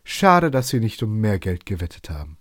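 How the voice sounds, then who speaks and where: A man's voice: lowish voice, sing-song, moderate pace, fairly bright tone, dry recording, clean studio sound. A man voicing a hot-tempered eighteen-year-old archer with defiant, boastful retorts in a storybook reading. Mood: triumphant. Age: young adult.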